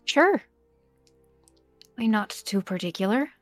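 A woman's voice: mid-range voice, expressive, slow pace, no echo, faint music behind. A woman playing a tabletop game, improvising casual in-character chat in a hesitant, tentative way.

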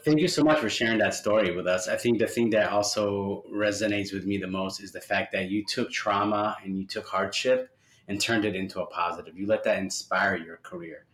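Earnest low-voiced man hosting. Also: steady tone, fairly quick, fairly bright tone, echoey room. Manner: earnest, encouraging, a few fillers. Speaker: host. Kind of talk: interview hosting.

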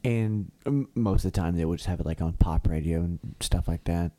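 Deep voiced guy in his 30s from kentucky, super laid back, says like a lot. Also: a little fast, dark tone. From Kentucky, USA. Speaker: guest musician. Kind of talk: casual interview chat.

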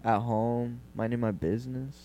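A man's voice: mid-range voice, fairly even intonation, normal speed, over a noisy crowd. A young man co-hosting a podcast, laid-back and slangy, brushing off his friends' teasing. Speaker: podcast co-host. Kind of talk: casual chat.

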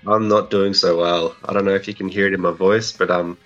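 A man with a croaky voice, getting over an illness with a cough, chatting casually as a podcast co-host. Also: low-pitched, flat delivery, brisk, fairly bright tone, dull audio, soft background music. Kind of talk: casual chat.

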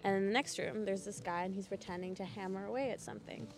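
A woman's voice: medium pitch, quick pace. Giggly woman guest chatting outdoors. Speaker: podcast guest. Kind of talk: casual chat, telling a joke. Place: outdoor gazebo in a park, windy. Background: birdsong and faint Christmas music.

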